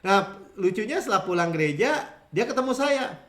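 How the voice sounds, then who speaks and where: Brief: fifties pastor, high voice, conversational sermon with acted-out quotes, echoey hall. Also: male voice, moderate pace. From Indonesia. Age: 50s. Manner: animated storytelling, acting out quoted voices, frequent chuckles. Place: church sanctuary.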